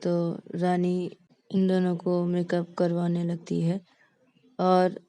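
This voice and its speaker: A woman's voice: on the low side, monotone, slow, mellow. A woman narrating a story in a casual, plain retelling style with repetitive linking phrases.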